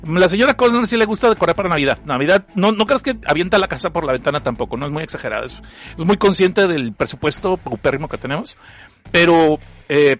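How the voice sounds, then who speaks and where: High-voiced northern Mexican man, coughing. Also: a bit bright. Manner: joking, slangy, laughs often. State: has a cough. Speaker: livestream host. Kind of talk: casual chat reading live chat messages.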